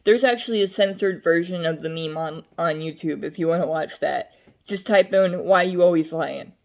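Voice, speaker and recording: A woman's voice: on the low side, moderate pace, creaky. Young woman, vlogger, casual talk to camera, rambling, chatty, lots of fillers. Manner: rambling, chatty, drifts between topics with frequent fillers.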